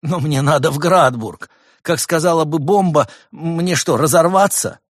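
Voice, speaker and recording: A man voicing a cowardly, hypochondriac male gopher philosopher in a high, whining voice. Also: unhurried, no echo, studio quality. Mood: cheeky.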